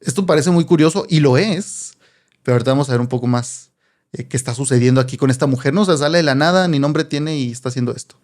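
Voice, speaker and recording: A man with a Mexican accent explaining a Bible passage in a relaxed, conversational way, often tagging his sentences with rhetorical questions. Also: medium pitch, fast. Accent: Mexican Spanish. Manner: chatty, asks rhetorical questions, frequent "¿no?". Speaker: Bible teacher.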